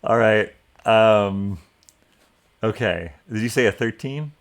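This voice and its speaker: Low-voiced man running a tabletop game. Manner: relaxed, pauses on fillers. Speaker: dungeon master.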